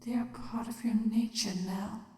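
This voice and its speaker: A woman voicing an old dying changeling queen in an audio drama, breathy and half-whispered, sinister yet tender, solemn and deliberate. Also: a little high, little pitch movement, darkish tone, natural voice. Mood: commanding, solemn. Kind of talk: dramatic audio fiction acting. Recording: heavy echoing reverb, music underneath. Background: music.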